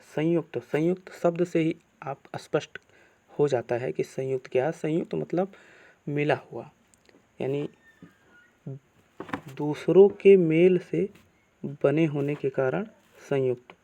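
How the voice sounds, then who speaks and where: A man teaching a grammar lesson, asking questions and answering them himself in slow, repeated teacherly phrasing. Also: fairly high pitch, gravelly, dark tone.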